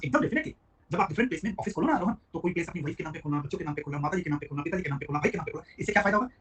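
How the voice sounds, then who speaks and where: A man teaching a live online tax class, talking quickly and calling on students by name. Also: high voice, slightly rough. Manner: rapid, chatty, addresses students by name. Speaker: GST teacher.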